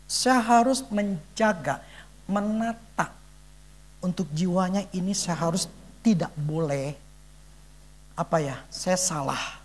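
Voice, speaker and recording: A father giving an earnest church testimony in a conversational sermon style, emphatic and often pausing to search for words. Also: sits high.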